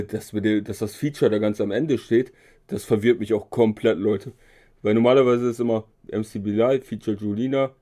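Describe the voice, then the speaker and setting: Dark-voiced man casually reacting to rap. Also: medium pitch. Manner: slangy, loose, lots of filler sounds. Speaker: music reaction host.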